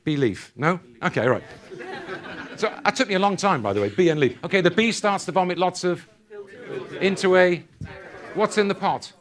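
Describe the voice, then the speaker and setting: A man's voice: high-pitched, animated, moderate pace, long pauses, a bit bright. A man giving a motivational keynote at a conference, quizzing the audience in call-and-response fashion. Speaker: keynote speaker. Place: conference hall.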